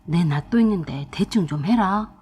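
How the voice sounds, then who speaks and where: A woman's voice: fairly low pitch, expressive, normal speed, darkish tone, slightly rough, pitched below the performer's own voice. A woman voicing a weak-willed young husband who pleads and sulks in a storytelling narration. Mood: pleading.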